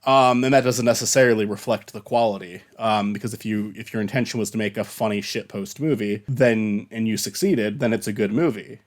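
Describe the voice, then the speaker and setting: A man's voice: on the low side, steady tone, fairly quick, few pauses. A man in his thirties co-hosting a casual movie review podcast, rambling with frequent restarts and laughs. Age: 30s. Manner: rambling, laughs often, many restarts and fillers. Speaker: podcast co-host.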